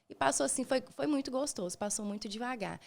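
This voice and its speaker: A Brazilian woman, a podcast guest, telling a painful personal story in a soft, halting way. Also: a little high, animated, vocal fry. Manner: soft-spoken, halting, emotional retelling.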